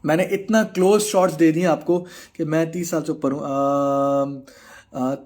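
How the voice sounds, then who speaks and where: Pakistani-accented man, early thirties, slightly high voice, chatty live Q&A, mixes English in, lots of filler pauses. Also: steady tone, darkish tone. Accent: Pakistani Urdu. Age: 30s. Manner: chatty, reads out viewer comments and answers frankly. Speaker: bodybuilder answering live chat. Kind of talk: casual live-stream Q&A.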